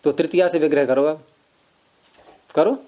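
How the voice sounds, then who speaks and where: A man's voice: on the high side, fairly even intonation, unhurried, dark tone. A man teaching Sanskrit grammar in an informal class, explaining patiently with everyday examples.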